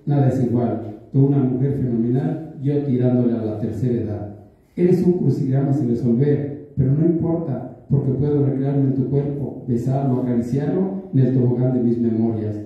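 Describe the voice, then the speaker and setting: Man reading in an echoey hall. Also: mid-range voice. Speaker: writer reading his own work. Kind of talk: poetry and short story reading. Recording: echoey, distant, dull room recording.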